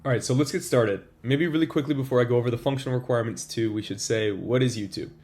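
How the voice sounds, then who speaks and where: Slightly congested from a cold, a man with a medium-pitched, darkish voice hosts a tutorial, walking through system design at a whiteboard. He speaks at a quick pace and keeps things upbeat and casual, addressing his audience as "you guys."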